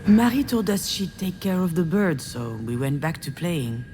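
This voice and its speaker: With a dark, lowish, sing-song voice at a moderate pace, an actress narrates as a troubled woman full of self-doubt in a video game. The scripted delivery is confiding and reflective, set against game music and slight background noise.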